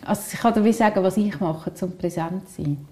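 A woman's voice: mid-range voice, a little fast, a little mellow. A woman with a Swiss German accent, a school counselor co-hosting a podcast, talking in a thoughtful, reflective way and often repeating words while she searches for the right ones. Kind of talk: reflective casual chat.

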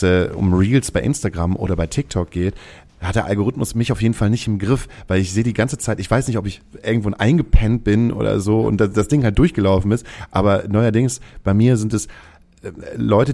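A man's voice: lowish voice, fairly quick, warm tone. A man co-hosting a podcast, talking in a loose, rambling way with frequent restarts and playful asides. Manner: rambling, many restarts, playful mock voices. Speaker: podcast co-host. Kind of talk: casual chat.

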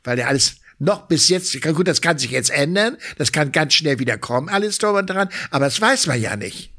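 A man's voice: a little high, lively intonation, fairly quick, pushed and bright. A man interviewed in the role of Santa Claus, talking in a rambling way and tagging his sentences with little questions.

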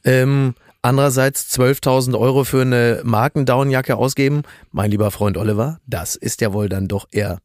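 A male podcast host at a middle pitch who talks in a hesitant, rambling way and drops wry asides. He sounds dry and close to a studio mic. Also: steady tone, moderate pace, hardly any pauses, a little mellow, no room sound. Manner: rambling and hesitant, with many fillers and ironic asides. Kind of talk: casual comedic chat.

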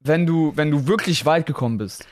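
A young German man co-hosting a podcast in casual chat, excitable and slangy, laughing often and dropping in English words. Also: a little high, fairly quick, no echo. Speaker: podcast co-host.

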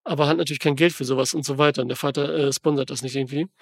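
Fast-talking ranting man reviewing a film. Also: medium pitch, vocal fry, no echo, clean studio sound. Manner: rambling, slangy, animated ranting with many fillers. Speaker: podcast co-host reviewing a film. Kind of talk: casual film review chat.

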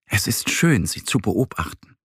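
A man narrating a children's story slowly and with lively intonation, recorded close to the mic. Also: on the low side, slightly rough, no echo. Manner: slow, animated storytelling.

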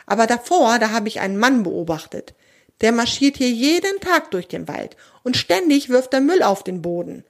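A woman voicing a cheeky, eager young male squirrel in a children's audio story, talking quickly and excitedly. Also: fairly high pitch, full character voice.

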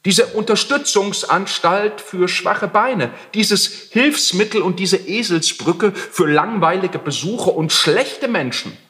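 A man's voice: high voice, animated, takes it slowly, hardly any pauses, sharp tone, pitched above the performer's own voice, full character voice. A man doing a young tenant, mock-courteous and sly. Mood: ironic. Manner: exaggeratedly courteous, ironic. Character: young male tenant, politely mocking, evasive. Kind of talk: literary reading.

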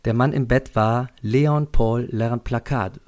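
A man's voice: medium pitch, slow pace, darkish tone. A man narrating a scripted story on a school podcast in a dry, lightly ironic way.

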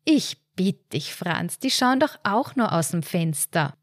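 A woman voicing an excitable, stubborn elderly wife in a read short story. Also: on the low side, measured pace, no room sound, clean studio sound. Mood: indignant. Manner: excited, insistent, triumphant.

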